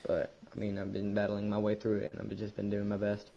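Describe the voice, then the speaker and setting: Hoarse guy with a low dark voice, muffled lo-fi chat audio, a bit of hiss behind. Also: completely flat delivery, a little fast. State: hoarse from yelling. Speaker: racing league driver. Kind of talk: post-race interview.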